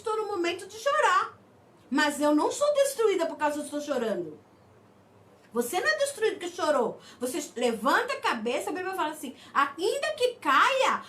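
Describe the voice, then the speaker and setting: High-pitched woman preaching a sermon. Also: a bit bright. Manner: preaching with slow emphatic stresses and calls of amen. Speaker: pastor. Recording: mic somewhat distant, faint background noise.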